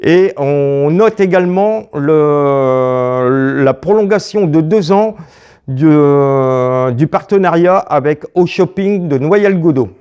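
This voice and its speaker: A man presenting a local community news bulletin, halting and hesitant, with many pauses and fillers. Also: on the high side, animated, a little mellow, smooth, highs cut off.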